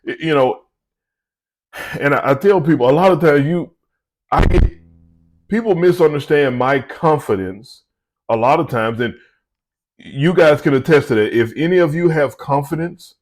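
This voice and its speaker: A man's voice: a little high, expressive, normal speed, pauses often. Man giving a casual, slangy Bible talk. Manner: conversational, slangy, rambling. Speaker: faith speaker.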